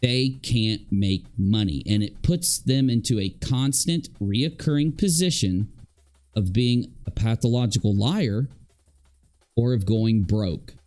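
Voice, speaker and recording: In a rambling livestream rant, this host and video creator sounds casual but emphatic, repeating himself and accusing. His voice is fairly low and a little mellow, his pace slow, and faint music plays behind him.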